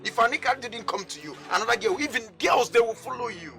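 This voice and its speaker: A man's voice: very high voice, fast talker, gravelly, full character voice. A man with a Nigerian accent playing a blunt young friend who lectures his crying friend, over background music. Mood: chiding. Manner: lecturing, animated.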